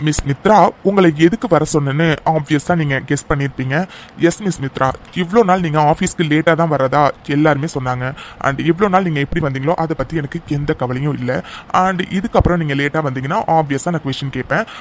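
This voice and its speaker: A man's voice: on the high side, a little hiss or hum, close to an everyday voice. A man voicing a stern new company boss. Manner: formal, measured, mixes English into speech. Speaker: office manager character.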